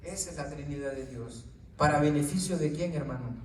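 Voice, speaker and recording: Speaking briskly and far from the mic, this fairly high-voiced preacher teaches a small group in a loose, informal way. He checks in often with "right?" and "brother" and sometimes trips over his words, amid echo and a faint background hiss.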